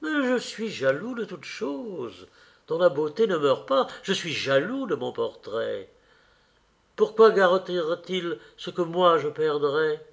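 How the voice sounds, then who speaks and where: An anguished, vain young man, obsessed with staying young, pleads in a high, impassioned, theatrical voice, as a male audiobook reader puts him on. His slow delivery carries a gravelly edge. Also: sing-song, full character voice. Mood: despairing.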